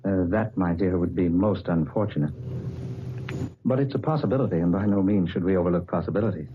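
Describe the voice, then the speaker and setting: A man's voice: a little fast, lightly acted. An actor playing a scheming, murderous male millionaire in a vintage radio play, gloating and sinister. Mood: smooth. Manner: gloating, lively pitch swings, laughs. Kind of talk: 1940s radio acting. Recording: dull lo-fi old radio recording with faint hiss.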